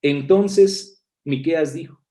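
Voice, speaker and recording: Mellow-voiced minister preaching. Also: male voice, a little high, slow. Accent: Mexican Spanish. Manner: explanatory Bible exposition, reads verses aloud. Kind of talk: sermon.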